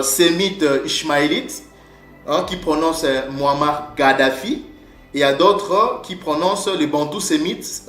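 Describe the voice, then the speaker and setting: A man's voice: on the high side, echoey room. A man giving an informal lesson, often asking a question and answering it himself, and calling the listener "my brother". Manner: repeats "mon frère", asks and answers his own questions. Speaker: teacher of word origins.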